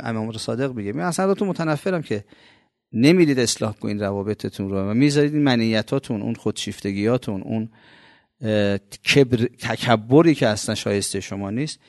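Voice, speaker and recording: Male preacher from Iran, gravelly, conversational sermon with emphatic swells and rhetorical questions. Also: mid-range voice, lively intonation, no echo, studio quality. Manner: emphatic, rhetorical questions, sudden loud rises then soft asides. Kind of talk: colloquial religious sermon.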